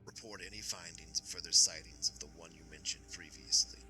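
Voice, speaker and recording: A man's voice: deep voice, a little fast, sharp tone, faint music behind. A man doing a cold, clipped voice on the phone. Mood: commanding. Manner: clipped commands. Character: cold terse male teacher giving orders by phone. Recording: heard over a phone call.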